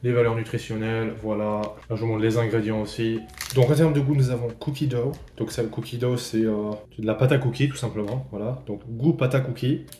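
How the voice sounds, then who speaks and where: Man from France, quick casual vlog chatter, swears offhand, echoey room. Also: medium pitch, fairly even intonation, mellow, faint music behind. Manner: chatty, swears casually, thinks aloud while eating. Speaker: vlogger reviewing snacks. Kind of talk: casual food tasting vlog. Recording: roomy echo, faint background ambience.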